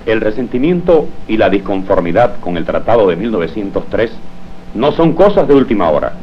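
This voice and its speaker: A man's voice: lowish voice, sing-song, a little fast. A man reading scripted historical documentary narration in a formal, oratorical newsreel manner. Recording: dull, slightly noisy old film soundtrack.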